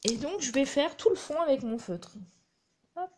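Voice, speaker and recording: A woman's voice: high voice, expressive, normal speed, darkish tone, a little hiss or hum. A woman, chatting casually while she demonstrates a craft project on a live stream. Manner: chatty, narrates her hands-on work with little asides. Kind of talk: live craft tutorial chat.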